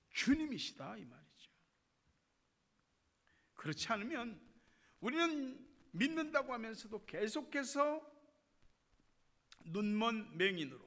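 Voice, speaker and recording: A man preaching a sermon as pastor, swinging from hushed, quiet lines to loud, impassioned ones. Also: very high voice, long reverb tail. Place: church sanctuary.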